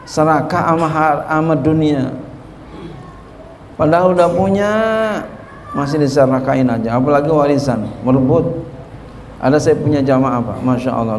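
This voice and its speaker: Unhurried and pausing at length, this man's slightly mellow, higher-leaning voice carries a chatty sermon on a religious text. He addresses the congregation with teasing asides amid long hall reverb and faint background noise.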